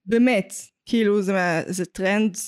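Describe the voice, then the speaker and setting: Opinionated and joking around on a laid-back pop-culture podcast, this Israeli-accented female co-host slips English phrases into her speech. Her mid-range voice is smooth, and the audio is studio-clean without room sound.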